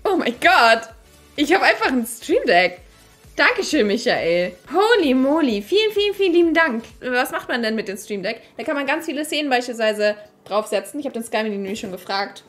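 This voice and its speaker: A woman's voice: sits high, very animated, normal speed, fairly bright tone, soft background music. A young woman streamer chatting casually on a livestream at a desk microphone, overwhelmed and giddy, laughing and squealing often. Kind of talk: excited livestream unboxing chat.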